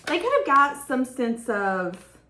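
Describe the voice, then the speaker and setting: A woman's voice: high-pitched, sing-song, slow, pushed and bright, reverberant. A woman giving a tarot reading to her viewers, talking in an emotional, rambling, repetitive way. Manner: emotional, stream-of-consciousness, repeats herself. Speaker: tarot reader.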